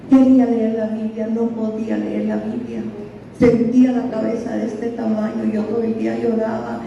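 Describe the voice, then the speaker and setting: A middle-aged woman delivers a fervent sermon, telling stories and asking rhetorical questions. Her voice is on the higher side for a woman but very mellow and dark. She is picked up by a distant, dull-sounding mic in a very echoey hall. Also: moderate pace, vocal fry, slight background noise. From Guatemala. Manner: impassioned, storytelling with rhetorical questions. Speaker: preacher.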